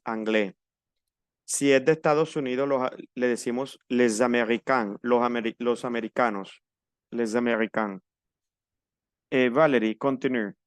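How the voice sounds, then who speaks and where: A man leads a French class over a video call and patiently slows down to model each word. His voice is smooth and resonant, with a dry, close sound. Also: mid-range voice, no echo. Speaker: French teacher. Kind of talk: online class instruction.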